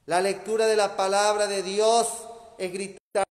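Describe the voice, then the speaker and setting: A man's voice: high voice, little pitch movement, unhurried. A man preaching a homily at mass, emphatic and repeating his key phrases. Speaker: priest. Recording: echoey church reverb.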